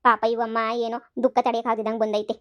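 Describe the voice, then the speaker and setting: A woman's voice: fairly high pitch, little pitch movement, fairly quick, fairly bright tone, highs cut off, natural voice. A woman voicing a scheming, melodramatic elderly grandmother from for a cartoon comedy. She wails and pleads and keeps saying "sir" as she complains. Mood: pleading. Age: over 60 (figure). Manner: wailing, pleading, repeats "sir" constantly. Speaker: complainant at a police station.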